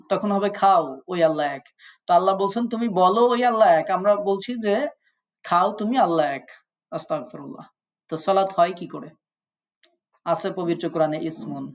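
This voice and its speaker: A man teaching an online tajweed class. He explains step by step and sounds out Arabic letters to contrast them. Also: fairly high pitch. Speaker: Quran recitation teacher.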